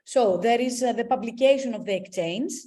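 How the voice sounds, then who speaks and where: A woman's voice: a little high, brisk, dark tone. A woman with a Spanish accent facilitating an online webinar, patiently answering questions with advice. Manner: patient, advising explanations.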